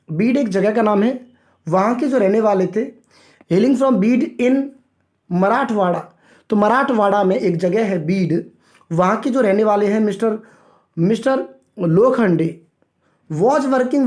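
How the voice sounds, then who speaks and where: A man teaching English vocabulary from a newspaper, reading phrases slowly and explaining each in Hindi, repeating himself and addressing viewers as friends. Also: sits high, a little mellow. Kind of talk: line-by-line newspaper vocabulary lesson.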